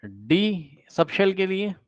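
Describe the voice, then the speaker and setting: A man's voice: high voice, very animated, slow, no room sound, highs cut off. Man drilling a chemistry lesson. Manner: repeats questions to students, drills step by step. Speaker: chemistry teacher. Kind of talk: exam-prep lecture.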